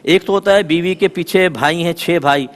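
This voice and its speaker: A man speaking as a religious scholar on a TV panel, telling folksy examples in a lively way. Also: fairly high pitch, long reverb tail. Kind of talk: televised religious talk.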